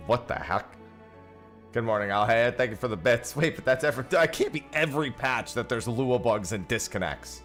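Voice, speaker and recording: This livestreamer chats casually while gaming and thanks his viewers, heard through a headset mic. His mid-range voice is expressive and fairly bright, moving at a normal speed, with soft music playing in the background.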